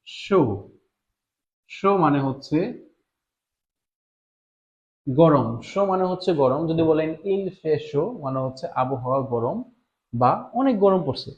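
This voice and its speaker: A man's voice: a little high, lo-fi sound. A man giving a live online lesson, patiently explaining French words and repeating each one several times. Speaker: French teacher.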